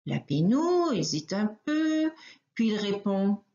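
Slow, expressive woman reading a children's story. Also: medium pitch. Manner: expressive, unhurried. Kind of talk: children's story read aloud. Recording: roomy, slightly dull recording.

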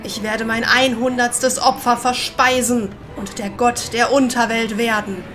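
Woman doing a loud, menacing serpent demon. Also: fairly high pitch, flat delivery, unhurried. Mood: menacing, grandiose. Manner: loud, grandiose, threatening delivery. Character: menacing arrogant serpent demon, would-be underworld god. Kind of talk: dramatic video game villain read-aloud.

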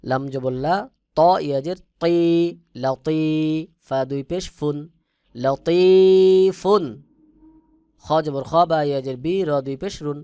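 A man teaching Quran reading in a lesson, spelling out letters step by step and chanting the words slowly and patiently. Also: on the high side, a little mellow, clean tone, no room sound. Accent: Bangladeshi Bengali. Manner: slow, patient, drawn-out chanted recitation.

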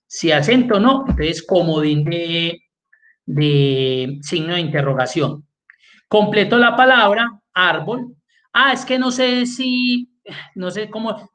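A man's voice: high-pitched, fairly bright tone. Man, course instructor, step-by-step explanation, questions to the class. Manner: explains step by step, checks in with students. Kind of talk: online class lecture.

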